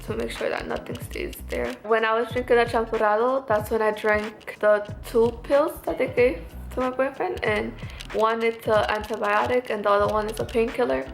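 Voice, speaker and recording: A woman's voice: on the high side, vocal fry. A young woman vlogging casually after wisdom teeth removal, talking stiffly with a swollen mouth that cannot quite smile. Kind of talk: casual vlog recounting.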